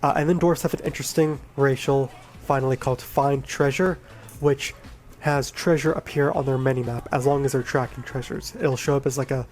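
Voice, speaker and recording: A man's voice: medium pitch, brisk. Groggy man talking through a game guide. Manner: relaxed, rambling, self-correcting explanations. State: groggy from being sick. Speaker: gaming video creator. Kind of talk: casual game guide talk.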